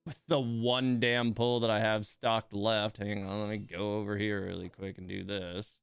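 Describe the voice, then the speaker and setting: Seated at his computer at home, a male streamer who hosts a gaming channel grumbles through a gacha game session, exasperated and poking fun at himself. He has a fairly low, creaky voice with flat delivery and a moderate pace, recorded cleanly, with faint music behind him.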